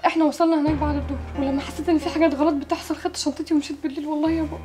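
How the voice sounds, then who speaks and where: Pleading young Egyptian daughter, played by a woman, high and fast, loud music. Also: little pitch movement, natural voice. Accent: Egyptian Arabic. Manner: pleading, tearful. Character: remorseful young adult daughter.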